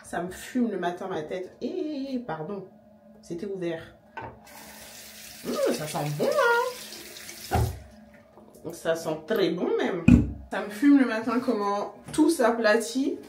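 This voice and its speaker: A woman's voice: mid-range voice, expressive, a little slow, noisy background. Chatty young woman vlogging in an echoey room. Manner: chatty, slangy, talks while eating. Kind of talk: casual vlog chat to camera. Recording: echoey room, voice a bit distant.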